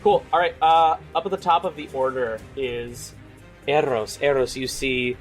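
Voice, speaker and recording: A man's voice: medium pitch, steady tone, normal speed, soft background music. Laid-back male dungeon master. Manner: loose, chatty, frequent fillers and laughs. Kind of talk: narrating a tabletop game.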